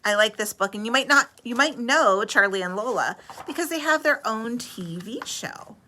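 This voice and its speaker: A woman reads a picture book aloud to children with an animated, expressive delivery. Her pitch moves freely, and her voice is bright. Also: normal speed, slight background noise. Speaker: storyteller reading to children.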